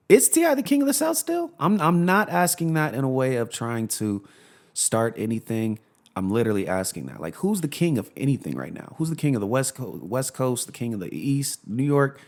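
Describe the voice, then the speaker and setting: A man hosting a casual solo radio show, rambling and animated, repeating himself and swearing, with a lingering cough. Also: on the low side. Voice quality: coughing, a bit hoarse. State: has a cough.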